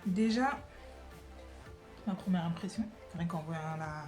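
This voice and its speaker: Over music, a young beauty vlogger chats casually in her living room during a wig try-on vlog. Her voice is on the low side and slow, and she sounds hesitant, with plenty of fillers and restarts.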